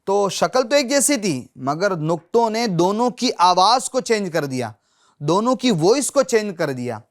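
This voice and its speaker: A man teaching Quran recitation who says each letter sound slowly and loudly, again and again, and stops often to check that his students are following. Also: high voice, big pitch swings. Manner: patient, checks in often with short confirmations. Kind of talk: Urdu lesson on pronouncing Arabic letters.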